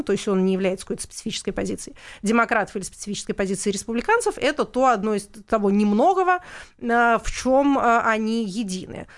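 A woman commentator on a panel discussion, speaking in a measured, hedging way with many pauses. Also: medium pitch. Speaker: political commentator.

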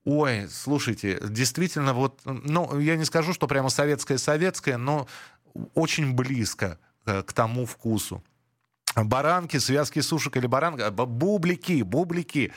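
A man's voice: medium pitch, moderate pace, no echo, studio quality. A man hosting a radio call-in show, chatting casually and reminiscing, with frequent restarts. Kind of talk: casual nostalgic phone-in chat. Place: radio studio. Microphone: studio microphone.

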